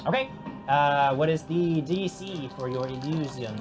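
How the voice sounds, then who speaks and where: A man's voice: fairly high pitch, unhurried, over music. A man running a tabletop game as game master and patiently explaining the rules.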